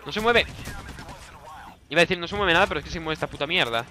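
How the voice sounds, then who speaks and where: A young man with a Spanish accent from Spain, giving let's play commentary, excitable and shouting orders at his teammates while swearing constantly. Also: on the high side, fast, a little hiss or hum. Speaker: gaming YouTuber.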